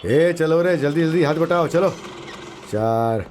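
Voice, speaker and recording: A man dubbing a grumpy, stingy old landlord who talks gruffly and answers with dismissive grunts. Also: a little high, unhurried, a little mellow, natural voice. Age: older. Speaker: landlord shopkeeper.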